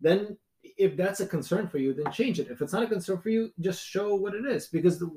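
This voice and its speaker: A man's voice: high voice, a little fast, mellow, slight background noise, rough recording. A middle-aged man chatting as a podcast guest, rambling and correcting himself as he jokes. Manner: rambling, self-correcting, joking. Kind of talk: casual podcast chat.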